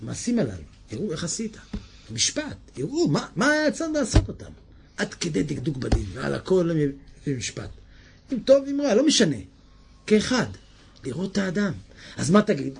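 A man giving a Torah sermon in an animated way, moving from hushed asides to shouted lines and often asking his listeners questions. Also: high-pitched, gravelly, slight background noise. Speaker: preacher.

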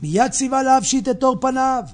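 Very high-voiced man preaching dramatically. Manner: swings between hushed murmurs and shouts. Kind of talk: dramatic sermon retelling a midrash.

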